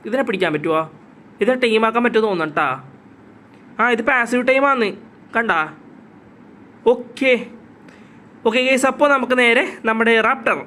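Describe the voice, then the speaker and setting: A man giving casual, chatty gameplay commentary as a channel host. He keeps addressing his viewers as "guys," and a cough leaves his voice a little hoarse. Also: extremely high pitch, sharp tone.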